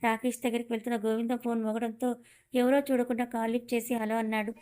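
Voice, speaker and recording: A woman narrating a story in a steady, even reading manner. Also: fairly high pitch, fast, clear, resonant tone.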